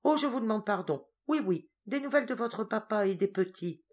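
A woman's voice: mid-range voice, lively intonation, fairly quick, voice pushed up, lightly acted. Brief: a woman reading a flustered young man in love, hesitant, without much change of voice. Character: awkward young male engineer, flustered lover.

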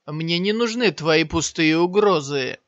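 A man's voice: a little high, measured pace, dry recording. Shi Yan, a man doing a cold ruthless young hero. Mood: icy. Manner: cold, flat, contemptuous. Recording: slightly dull, dry lo-fi sound.

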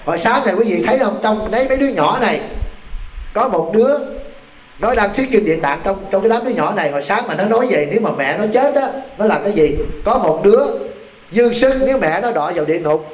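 A man, a Buddhist monk giving a lively sermon and quizzing his listeners, in an echoey temple hall. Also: high voice, fast talker. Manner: animated, quizzing the audience. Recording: echoey hall, faint background noise.

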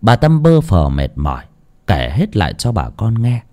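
A man's voice: lowish voice, huge pitch swings, normal speed, darkish tone. A man narrating a ghost story in a dramatic, vivid way.

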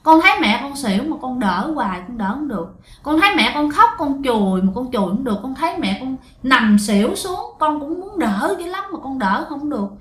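A small boy's ghost, pleading and whimpering like a young child, as a woman puts him on in a ghost story. The voice sits high and rings out in a roomy space. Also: lively intonation, brisk, a bit bright. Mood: sorrowful. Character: ghost of a drowned little boy, pleading. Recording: roomy echo.

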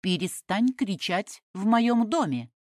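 A woman's voice: mid-range voice, sing-song, measured pace, a little mellow, no room sound, clean studio sound, voice pushed up. A woman reading an audiobook and voicing a cold, stubborn Roman noblewoman who talks in curt, scornful commands.

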